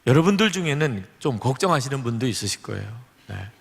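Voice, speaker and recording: A man's voice: sing-song, quick pace, creaky, breathy edge. A middle-aged male pastor preaching a sermon, telling a story and acting out the voices in it. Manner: storytelling, acting out dialogue with shifts of pitch. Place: large church hall. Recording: long hall reverb.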